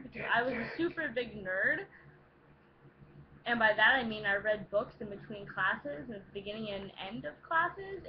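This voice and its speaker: Casting: young woman vlogger, high voice, tipsy rowdy rambling Q&A chat, slightly noisy lo-fi home sound. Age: young adult. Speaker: vlogger answering Q&A questions. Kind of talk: casual rambling chat to viewers. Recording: dull lo-fi home recording, faint noise.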